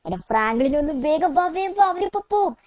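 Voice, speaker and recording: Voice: high voice, expressive, brisk, darkish tone, no echo, clean studio sound. Someone voicing a cheeky little cartoon boy who keeps urgently calling his friend, in a gameplay role-play.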